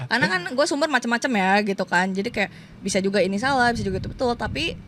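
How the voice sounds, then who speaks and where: A woman's voice: on the high side, animated, very fast, a bit bright. Chatty woman telling a story with faint background noise. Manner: chatty storyteller, acts out quoted voices, laughs often. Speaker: podcast guest. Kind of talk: casual podcast chat.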